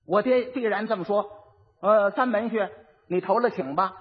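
A man's voice: sits high, normal speed, slightly rough. A man voicing a clever, exasperated young bride who lectures and instructs, on a dull old recording with long reverb. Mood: instructing. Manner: scolding, instructive.

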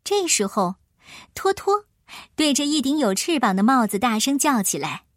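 A woman storyteller giving expressive scripted narration of a children's tale. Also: a little high, fairly quick, no room sound, studio quality.

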